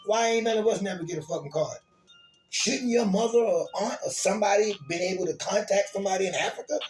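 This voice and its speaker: A man with a high-pitched voice talks quickly over soft background music. He is the self-styled teacher hosting his own online program, delivering a loose, streetwise lecture full of cursing and repeated words, and he calls his listeners y'all.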